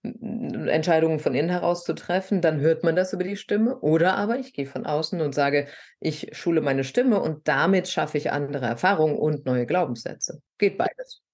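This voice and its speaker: A woman with a notably low, grounded speaking voice talks as a guest on a podcast. She is a middle-aged voice coach from southern Hesse who explains things in an animated, teacherly way. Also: moderate pace. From southern Hesse, Germany. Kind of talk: podcast interview conversation.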